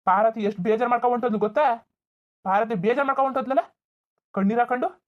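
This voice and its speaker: A furious young village man, voiced by a voice actor in a cartoon, scolding his family with bitter, shouted words. The audio is thin and tinny, like a phone line. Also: mid-range voice, racing, lightly acted. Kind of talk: Kannada village cartoon dub.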